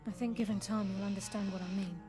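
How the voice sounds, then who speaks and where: An actress voicing a guarded female thief sworn to secrecy, speaking in a measured, earnest way in a video game. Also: medium pitch, steady tone, natural voice. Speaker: game character. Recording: game audio under music.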